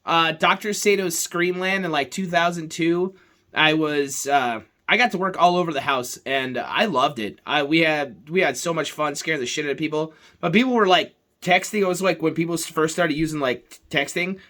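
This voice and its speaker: A man's voice: a little high, normal speed, sharp tone. A man hosting a horror podcast, telling stories in loose, swearing casual chat. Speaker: podcast host.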